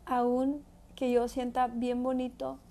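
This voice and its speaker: A woman with a fairly high but mellow voice reads scripture aloud and leads a prayer. She speaks in an earnest, gentle way and keeps her pitch flat and even. She slows down to repeat key phrases for emphasis. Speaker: Bible study host. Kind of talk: devotional Bible reading and prayer.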